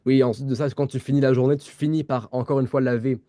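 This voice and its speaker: A man's voice: mid-range voice, fairly even intonation, fast, dark tone, no room sound, clean studio sound. A man with a Québécois accent co-hosting a podcast, explaining ideas in casual chat with frequent fillers and restarted words. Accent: Québécois French. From Quebec. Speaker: podcast co-host.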